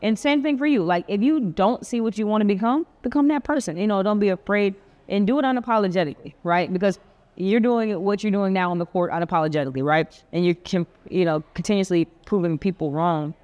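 A woman's voice: medium pitch, quick pace, darkish tone, lo-fi sound. Chatty upbeat woman hosting a chat. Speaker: host. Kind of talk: casual interview chat. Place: indoors at a dinner table.

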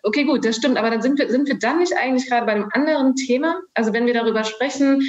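A woman from Germany joins a live online panel by video call. She talks as she thinks, with many restarts and soft laughs. Her voice rings in a roomy space, and the audio sounds dull. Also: fairly high pitch, racing. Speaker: panel guest.

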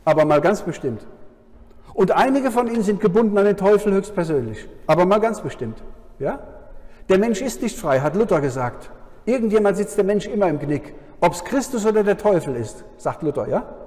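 A man's voice: high-pitched, sing-song, moderate pace, warm tone. A man preaching a sermon at a Bible conference, often checking in with his audience with a questioning "ja?". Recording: hall with long reverb.

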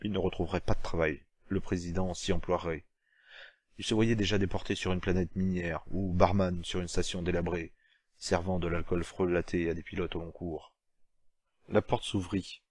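Deep-voiced man narrating an audiobook. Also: level tone, normal speed, darkish tone, no echo. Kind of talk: scripted narration.

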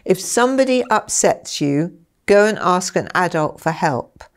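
An older woman, a former school head, explains things in an interview from a small indoor study lined with bookshelves. Her lowish voice is unhurried, yet she is lively and animated, gesturing a lot and acting out dialogue.

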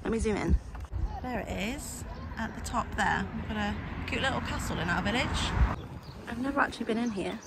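A woman's voice: on the high side, a little fast. A young English woman chatting cheerfully to her handheld camera as she vlogs outdoors in the countryside. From England. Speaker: vlogger. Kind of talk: casual travel vlog. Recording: noisy outdoor camera audio.

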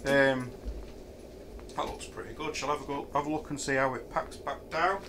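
With a Yorkshire accent and lots of ums, a middle-aged man mulls over a camping chair in his home kitchen. His voice is medium in pitch with fairly even intonation at a normal speed, and the camera a few feet away picks up a noisy background.

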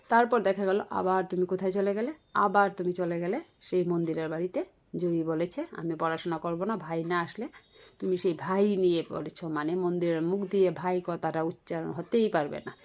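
A woman with a Bengali accent speaks in a lower register. She lectures another creator directly in a vlog commentary, full of pointed rhetorical questions. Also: a little mellow. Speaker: vlogger.

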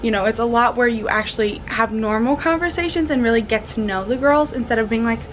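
A woman's voice: a little high, quick pace. A young woman chatting casually in a bubbly sorority-girl way for a vlog, often saying "like", recorded on a handheld camera in a small room. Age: young adult. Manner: heavy use of "like". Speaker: vlogger, college sorority member. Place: small dorm room, indoors. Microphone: handheld camera at arm's length. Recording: clear room noise on camera mic.

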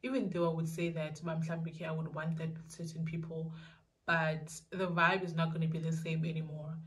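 A young South African woman talks casually to her viewers. Her voice is a little low for a woman. She rambles through her answers and often repeats herself. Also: flat delivery, fairly quick. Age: young adult. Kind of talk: casual question-and-answer vlog. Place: small indoor room.

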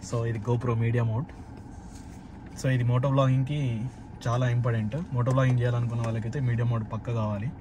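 A man hosts a casual unboxing vlog, talking fast in a mid-range voice with little pitch movement. He chats easily and slips English words in as he goes. Some background noise can be heard.

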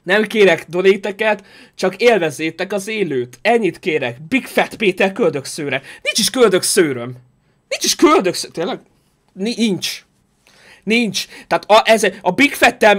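Male streamer with a high voice, animated and jokey, reads the chat aloud. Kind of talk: casual live-stream chat.

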